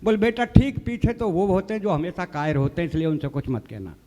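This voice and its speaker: A man's voice: high-pitched, brisk, mellow, long reverb tail. A man reciting comic poetry and funny stories on stage, acting out the dialogue and addressing the audience. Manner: storytelling with quoted dialogue, addressing the audience as sahab. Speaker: comic poet. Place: stage of a live poets' gathering.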